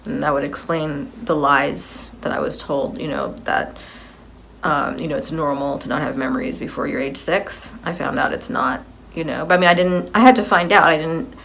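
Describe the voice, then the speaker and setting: A woman's voice: deep voice, moderate pace, creaky, a bit bright, slight background noise. A woman in her fifties giving a personal video update, rambling as she repeats and corrects herself. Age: 50s.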